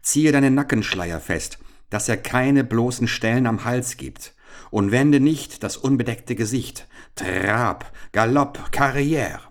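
A man voicing a bold, cheeky young adventurer who speaks coolly and briskly. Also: lowish voice, expressive, pitched above the performer's own voice.

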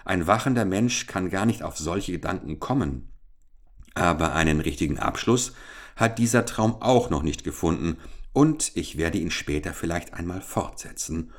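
A man's voice: low voice, lively intonation, moderate pace. A man reading the lines of a bold, upright young man, speaking firmly and earnestly. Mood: reflective. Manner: firm, earnest. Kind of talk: audiobook character reading.

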